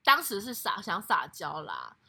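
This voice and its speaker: A young woman co-hosts a casual podcast chat, talking with a lively swooping pitch. She often bursts into high laughing exclamations. Her tone is bright and a little breathy. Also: unhurried. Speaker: podcast co-host.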